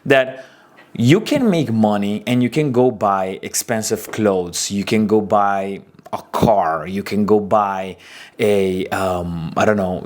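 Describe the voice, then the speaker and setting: A man in his twenties with an Aruban accent, a wedding photographer telling his story and giving business advice in a casual talking-head episode, animated and expressive. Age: 20s. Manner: animated, expressive storytelling with big pitch swings.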